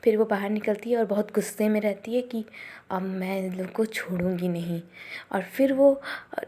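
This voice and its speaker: A woman with a mellow, warm tone talks through a story in a relaxed, unscripted way. She pauses often and hesitates between phrases, speaking at a middling pitch. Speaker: drama recap narrator. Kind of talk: casual spoken plot retelling.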